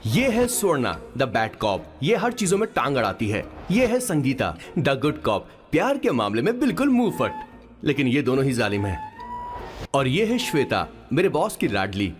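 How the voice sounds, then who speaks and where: An actor dubbing a film as a cheeky, loyal young assistant who chats through the story as narrator. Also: male voice, medium pitch, wildly swooping pitch, moderate pace, soft background music. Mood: playful. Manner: chatty, joking storyteller. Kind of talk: Hindi film dub narration.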